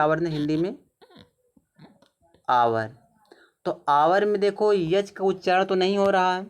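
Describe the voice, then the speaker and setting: A man's voice: fairly high pitch, smooth. A man giving a grammar lesson, explaining patiently, repeating each point and checking in with short confirmations. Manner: patient, repetitive explaining with frequent "theek hai". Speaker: teacher. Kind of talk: grammar lesson over a zoomed screen.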